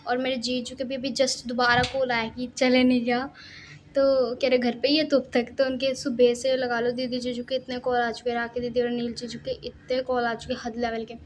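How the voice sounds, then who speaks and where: Young woman, high voice, chatty vlogger, teasing, noisy recording. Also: little pitch movement, moderate pace. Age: young adult. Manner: talkative, laughs often, teasing. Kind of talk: casual chatty vlog. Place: at family home, outside.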